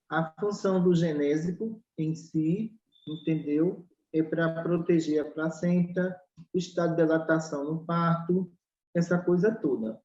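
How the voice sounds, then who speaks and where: A Brazilian woman with a dark, mellow voice lectures as a spiritual doctor, pressing her points with rhetorical questions and acted-out exchanges. The sound is roomy and dull, like a lo-fi room recording. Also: on the low side. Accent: Brazilian Portuguese. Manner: emphatic, acts out dialogues and fires rhetorical questions. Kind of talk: explanatory talk in a spiritual study podcast.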